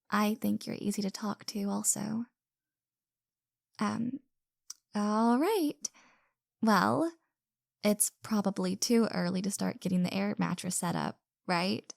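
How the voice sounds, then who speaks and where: In an intimate audio roleplay, an actress voices a caring, flustered young woman who is shyly smitten and hosting her secret crush. Her mid-range voice takes its time, stammering hesitantly, softly and earnestly, with some vocal fry. The recording is close and dry, with no room sound.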